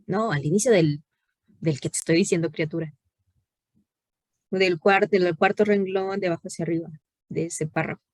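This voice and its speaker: A woman's voice: on the low side, moderate pace, long pauses, a little mellow, no echo. A woman, a teacher giving patient, corrective feedback on a student report during an online class. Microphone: video call.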